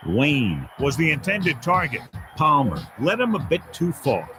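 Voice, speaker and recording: A lively play-by-play announcer. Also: male voice, on the high side. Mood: calm. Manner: brisk, clipped play calls. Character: male football play-by-play announcer, steady. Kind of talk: sports play-by-play commentary. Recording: game audio with steady hiss.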